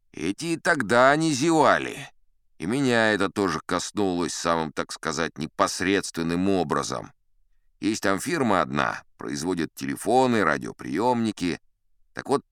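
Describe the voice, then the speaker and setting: A man's voice: deep voice, fairly bright tone, no echo, studio quality, full character voice. An actor playing a boastful old sea captain who narrates his tall tales in a chatty, sly way, often turning to the listeners. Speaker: first-person narrator of an audio play. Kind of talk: theatrical storytelling, audio play.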